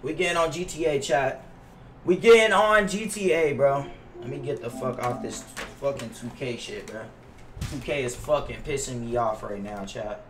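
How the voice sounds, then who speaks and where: A young American man at a small indoor gaming setup talks casually to viewers on his livestream, speaking at a moderate pace in a mid-range voice. Expect slang, frequent swearing and repeated phrases. His gaming headset yields a roomy, distant-sounding recording with faint background noise and keyboard clicks.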